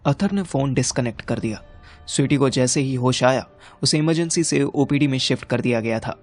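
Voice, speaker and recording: A man's voice: mid-range voice, moderate pace, faint music behind. A young man narrating an audio drama in the first person, with urgent, exasperated dialogue. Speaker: narrator and lead character.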